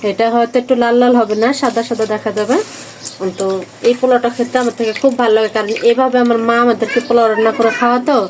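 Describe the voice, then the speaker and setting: A woman with a fairly high voice explains her cooking step by step in a gentle, homely way. The kitchen recording carries loud frying and sizzling behind her. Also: steady tone, very fast, slight background noise, rough recording. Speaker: vlogger's sister, cook. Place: home kitchen.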